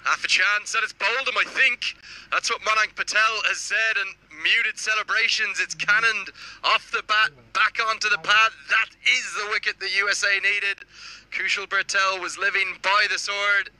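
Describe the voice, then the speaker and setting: A man's voice: high-pitched, steady tone, moderate pace, pushed and bright, no room sound, rough recording. A man giving live cricket commentary and reading out viewer messages. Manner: reads viewer messages aloud.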